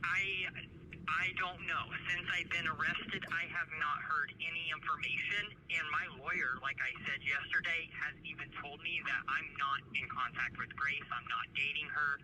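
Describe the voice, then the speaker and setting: A man calling from prison, speaking in a halting, hesitant way over a prison phone line. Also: on the high side, fairly even intonation. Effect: heard over a prison phone line. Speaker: caller from prison. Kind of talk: phone call. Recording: loud noisy phone line.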